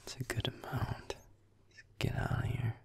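Gaming as he talks, a young man takes on the role of a grumpy werewolf boyfriend with a sardonic streak, muttering deadpan in a breathy, gravelly murmur. He whispers at a moderate pace in his natural voice for this intimate audio roleplay.

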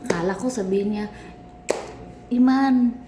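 A woman's voice: medium pitch, fairly even intonation, normal speed. A woman vlogging in casual chat from her office, talking to herself and laughing often. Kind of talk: casual vlog talk. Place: office at work. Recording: echoey room with background noise.

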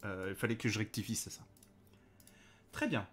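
A man's voice: lowish voice, expressive, moderate pace, fairly bright tone, breathy edge. A man hosting a let's play, chatting casually with lots of hesitations and fillers and addressing the game's characters directly. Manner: hesitant, many fillers, talks to game characters. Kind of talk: casual gameplay commentary.

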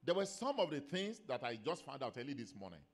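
A middle-aged man preaching a sermon in a church, swinging between quiet storytelling and emphatic scripture reading. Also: mid-range voice, very animated, fast talker. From Nigeria. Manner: laughs between stories. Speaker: pastor.

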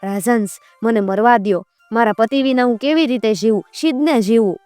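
A woman's voice: fairly high pitch, a little fast, warm tone, no room sound, soft background music, pitched above the performer's own voice, natural voice. A woman voicing a devoted young queen who speaks earnestly and resolutely. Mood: despairing.

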